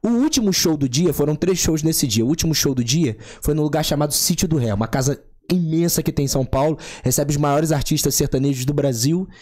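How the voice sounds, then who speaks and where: A man's voice: on the high side, brisk. A young man, a sertanejo singer telling stories as a podcast guest and acting out the voices of the people in them. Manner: animated storyteller, acts out quoted voices. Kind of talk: casual storytelling.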